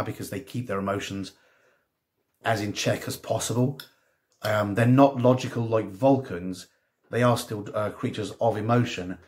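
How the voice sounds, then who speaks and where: Male hobby reviewer, slightly low voice, loose rambling delivery with frequent restarts. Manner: rambling, full of ums and restarts; reads passages aloud. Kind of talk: casual magazine review.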